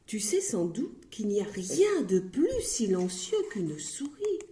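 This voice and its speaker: Expressive female storyteller, unhurried, swooping pitch, roomy echo. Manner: expressive, playful, animated. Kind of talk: children's story read aloud.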